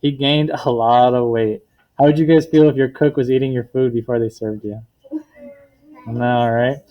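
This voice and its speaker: Reading a picture book to a class, this male teacher has a mid-range voice, fairly even intonation, and a moderate pace. He keeps the vocabulary simple and asks the children questions along the way to confirm they understand. The recording sounds lo-fi.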